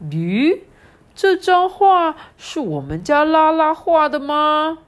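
A woman's voice: sits high, lively intonation, takes it slowly, pitched above the performer's own voice. A woman voicing a flustered dinosaur father in a storybook, fussing and eager to please. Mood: puzzled.

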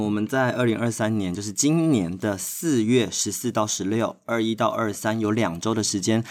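A man with a low voice chats casually. His Mandarin has a Taiwanese accent, and he speaks as a theatre performer in a relaxed conversational setting. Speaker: theatre performer, podcast guest.

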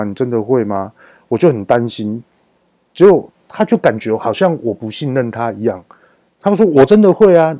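Mellow man telling a story. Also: medium pitch, no room sound. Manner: lively retelling that acts out quoted dialogue. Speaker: business owner. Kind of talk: personal storytelling.

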